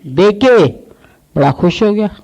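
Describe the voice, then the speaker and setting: A man giving a satsang sermon, telling a parable in a measured way and listing things one by one. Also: high voice, lively intonation, darkish tone, lo-fi sound. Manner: measured, repetitive, lists in a slow rhythm. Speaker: spiritual preacher.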